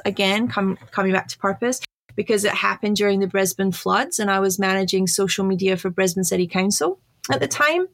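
A woman's voice: medium pitch, no echo. Upbeat scottish lady guest, middle-aged, talks easy and laughs a lot, dry sound. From Scotland. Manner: upbeat, chatty, laughs often. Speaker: guest, chief digital officer. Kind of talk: casual interview chat.

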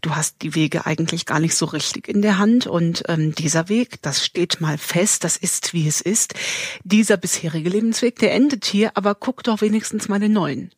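Fate speaks plainly and without budging, as a woman puts it on in a slightly lowered voice. The tone is level and firm, like a gatekeeper closing a road. It is recorded close and dry with no room sound. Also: moderate pace, breathy edge, no echo. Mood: firm, matter-of-fact. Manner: matter-of-fact, firmly refusing. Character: fate personified, calm and unyielding.

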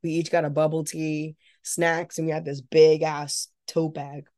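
A young adult woman co-hosting a podcast, telling an animated, casual story with some swearing. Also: deep voice, measured pace. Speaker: podcast co-host. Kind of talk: casual chat.

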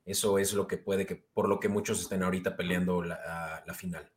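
A man's voice: low-pitched, little pitch movement, brisk. A man co-hosting a casual sports show, eagerly running through player stats. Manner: enthusiastic, fantasy-stat focused. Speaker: podcast co-host.

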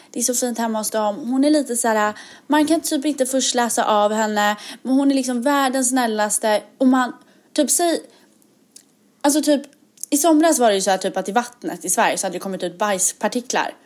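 Chatty young podcast woman. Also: a little high. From Sweden. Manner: lively, chatty, mixes English words into Swedish. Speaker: podcast co-host. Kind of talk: casual chat.

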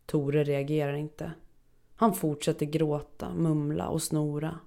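A woman narrating a first-person horror story in a steady, dark storytelling manner. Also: deep voice, gravelly.

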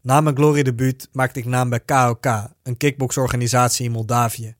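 A man's voice: mid-range voice, level tone, brisk, dry recording, clean studio sound. Man steadily reading a first-person story. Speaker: narrator.

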